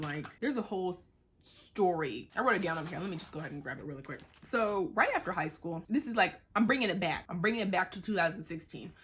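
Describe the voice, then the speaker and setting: A woman's voice: lowish voice, slight background noise. A woman in her twenties from Boston, rambling in a casual chat with many fillers and acted-out quotes. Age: 20s. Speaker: vlogger. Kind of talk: casual chat while getting ready.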